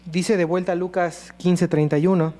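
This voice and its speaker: High-voiced preacher with a faint hum. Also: male voice, little pitch movement, normal speed, warm tone. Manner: earnest, acts out prayers and quotes in voices. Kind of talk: sermon.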